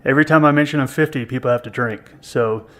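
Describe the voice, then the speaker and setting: A man in his fifties with an average-pitched voice, co-hosting a podcast. He chats casually, jokes around and pokes fun at himself. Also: fast talker, fairly bright tone. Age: 50s. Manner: self-deprecating, joking. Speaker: podcast co-host.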